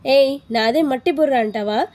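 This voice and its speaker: A bossy young man with a quick temper, voiced by a woman storyteller. He scolds in a stern, firm way. The voice sits high yet sounds soft and mellow. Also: lightly acted.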